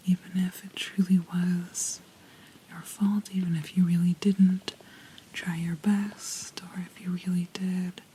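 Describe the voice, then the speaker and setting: A woman whispering a gentle, reassuring ASMR pep talk up close to the microphone, pausing mid-sentence in a soft, breathy unvoiced whisper. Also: fairly low pitch, a little hiss or hum, low-quality recording. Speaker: ASMR host.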